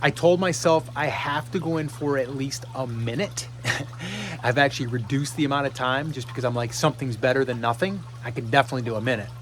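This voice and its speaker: A man with a mid-pitched voice talks casually to his camera outdoors. He sounds hesitant and reluctant, with faint hum and trickling water behind him. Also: a little fast, fairly bright tone. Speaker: vlogger. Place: outdoors beside a cold plunge barrel.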